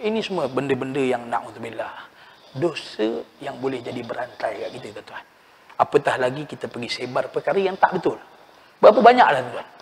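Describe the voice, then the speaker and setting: A man's voice: mid-range voice, expressive, fairly quick. A man preaching a mosque sermon, telling stories with animation and addressing his listeners directly. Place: mosque hall. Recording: long reverb in a mosque hall.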